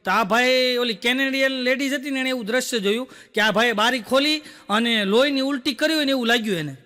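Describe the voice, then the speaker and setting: A man doing stand-up comedy, telling jokes rapidly and acting out the dialogue of his characters. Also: very high voice, bright, forceful tone, big-room sound. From Gujarat, India. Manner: rapid joke telling, acting out quoted dialogue, frequent rhetorical "બોલો". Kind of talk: Gujarati joke telling on stage.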